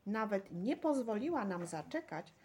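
A woman narrating a children's story aloud in a lively way, putting on the voices of the crowd. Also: mid-range voice, normal speed, husky. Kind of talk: audiobook narration.

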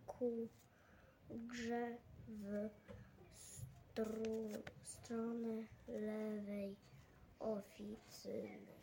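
A woman reading a children's story aloud in a halting, deliberate way. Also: on the high side, mellow, a little hiss or hum.

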